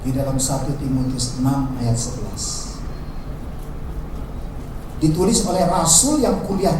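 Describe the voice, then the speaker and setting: A pastor preaching a lively sermon, acting out quoted lines in a raised voice. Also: male voice, on the high side. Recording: echoey hall, distant mic, background noise.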